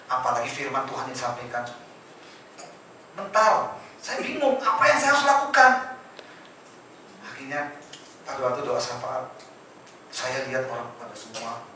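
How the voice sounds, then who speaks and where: Middle-aged guy telling his church testimony, emotional, goes loud then quiet, echoey hall, sounds far off, faint hiss. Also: mid-range voice. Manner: emotional, swinging between loud and hushed; addresses the congregation directly. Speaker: church member giving testimony. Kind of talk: personal testimony at a prayer service.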